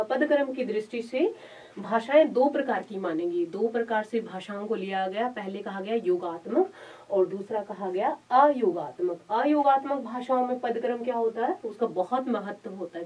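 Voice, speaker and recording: A woman college lecturer giving a recorded lesson, explaining step by step, repeating her points and pausing on filler sounds. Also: a little high, dark tone, husky. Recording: dull lo-fi sound, distant mic.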